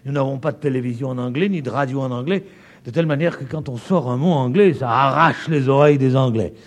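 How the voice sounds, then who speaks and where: A man from France preaching a sermon in a French accent, stressing key words emphatically and stretching them out. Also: quick pace. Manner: emphatic, stretching key words, wide swings in pitch and loudness.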